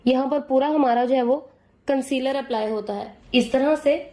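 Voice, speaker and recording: A hoarse woman patiently explaining a makeup tutorial step by step, pushing her voice and checking in with her viewers often. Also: high voice, normal speed, mellow, reverberant.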